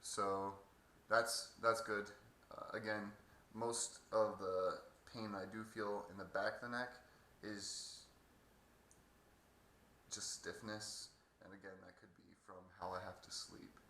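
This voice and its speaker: A man giving a halting, hesitant casual video update with a sore throat two days after surgery. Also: fairly low pitch, fairly even intonation, pushed and bright. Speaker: patient vlogger. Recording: echoey room, faint background noise.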